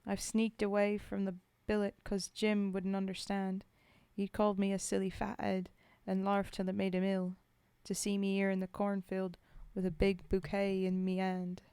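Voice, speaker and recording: A woman reads poetry aloud in the voice of a rough, sentimental British WWI soldier grieving a comrade, using folksy working-class dialect. Her mid-range voice is mellow and smooth, slow and even, lightly acted, with a wistful mood and a dry, close sound free of room tone.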